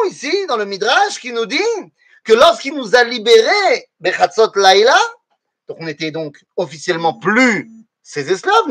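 A man teaching a lesson to his students, explaining things step by step and often throwing questions back at the class. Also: extremely high pitch. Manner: animated, asks the class rhetorical questions.

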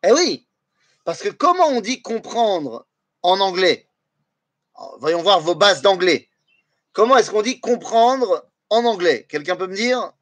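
A man gives a Torah class in a high, animated voice that rises and falls with energy. He quizzes his listeners and weaves Hebrew phrases into his explanation. The recording is dry and close, with no room sound. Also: measured pace, dry recording. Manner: lively, asks the audience questions, mixes in Hebrew phrases. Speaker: Torah teacher.

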